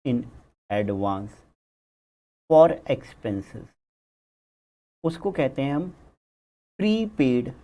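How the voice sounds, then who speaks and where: Animated male accounting teacher. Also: mid-range voice. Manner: animated, repeats key words, chatty. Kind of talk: classroom lecture.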